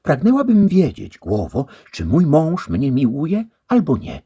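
A man voicing an anxious lady who pleads in a high voice. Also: wildly swooping pitch, a little slow, dark tone, slightly rough, dry recording, studio quality, heavily acted. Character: anxious lady wondering about her husband.

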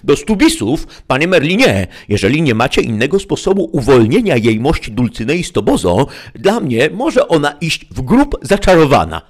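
A man's voice: mid-range voice, sing-song, moderate pace, voice pushed up. A man voicing a coarse, stubborn peasant squire who talks in indignant bluster. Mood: indignant protest.

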